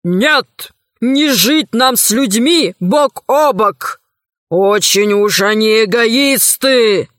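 A woman voicing a grumpy, proud old male dragon in an audiobook, speaking slowly and indignantly. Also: on the high side, a bit bright, no echo, studio quality. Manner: slow, weighty and indignant. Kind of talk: audiobook character voice.

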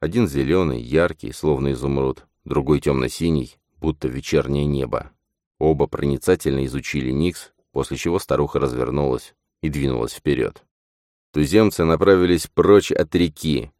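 A man reading a fantasy audiobook as narrator in steady scripted narration. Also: very deep voice, moderate pace, no echo, studio quality.

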